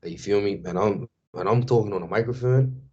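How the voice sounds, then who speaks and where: A man's voice: on the low side, brisk, a little mellow. A Bermudian man guesting on a talk show, chatting in a loose, street-casual way. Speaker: guest, DJ and culture worker. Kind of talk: casual podcast chat. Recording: dull lo-fi sound.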